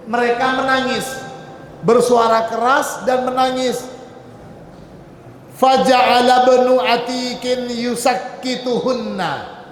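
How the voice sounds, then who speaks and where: A man with a fairly high voice teaches a Ramadan book-study lesson. He reads Arabic phrases and then explains each in relaxed, conversational speech, taking his time. His voice booms back from a large, echoing hall with faint ambience behind it. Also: slight background noise. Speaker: religious teacher.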